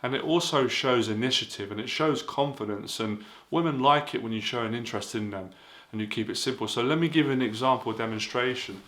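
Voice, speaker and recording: A man's voice: mid-range voice, brisk, a bit bright. A man giving casual dating advice in an earnest, repetitive way, full of fillers. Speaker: dating coach.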